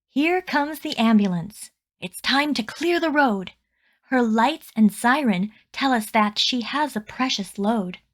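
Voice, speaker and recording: Her pitch fairly high, a woman reads a rhyming children's book aloud, using slow, deliberate phrasing full of storytelling expression.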